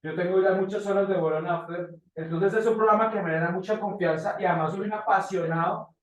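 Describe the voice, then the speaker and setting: In an indoor classroom with lots of echo and a distant microphone, a high-voiced motion graphics teacher keeps a steady tone. He instructs informally, pausing to hunt for phrases and checking in with short questions.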